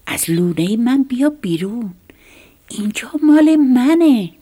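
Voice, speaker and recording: A woman's voice: low-pitched, creaky, breathy edge, heavily acted. A woman voicing a small, hardworking mouse in a whispered role-play for a storybook tale, indignant and pleading.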